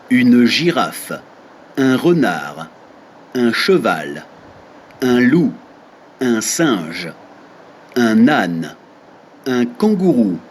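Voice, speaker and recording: A man reading a French textbook lesson aloud, deliberate and reading out examples one by one. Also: medium pitch, slight background noise. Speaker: French teacher.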